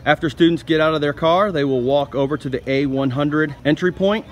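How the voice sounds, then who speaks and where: A man's voice: a little high, fairly quick, lo-fi sound. A young man narrating a school news video as a scripted voice-over, reading instructions plainly and steadily. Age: young adult.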